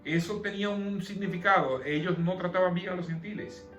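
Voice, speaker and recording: A high-voiced man talks briskly while leading a conversational Bible study, explaining the text and questioning those listening. Soft music plays behind him in an echoey room.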